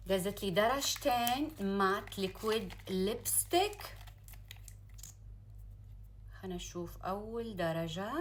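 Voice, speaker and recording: Over noticeable background noise, a woman with a Gulf Arabic accent chats to her viewers in a casual unboxing style. Her voice sits at a medium pitch. She is gushing and excitable, stretching out exclamations and dropping in English phrases. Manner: sprinkles in English words and phrases. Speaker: beauty vlogger.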